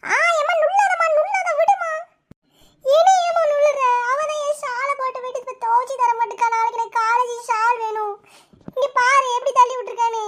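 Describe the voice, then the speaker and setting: A woman's voice: very high voice, steady tone, brisk, sharp tone, voice pushed up. A woman with a Kanyakumari Tamil accent voicing a whiny young daughter in college who cries and complains in a cartoon. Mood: whining tearful. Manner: crying, whining complaints. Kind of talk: cartoon voice acting.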